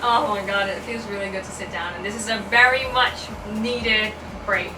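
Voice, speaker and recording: A woman's voice: medium pitch, steady tone, normal speed, background noise. A young woman from Singapore, tired and playful, chatting casually on a travel vlog. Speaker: co-host. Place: outdoors and in a cable car.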